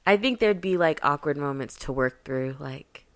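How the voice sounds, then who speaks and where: A woman's voice: deep voice, lively intonation, moderate pace, no echo. Chatty woman, dry close mic. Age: 30s. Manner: laughs often, loose and chatty. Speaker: podcast co-host. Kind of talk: casual chat.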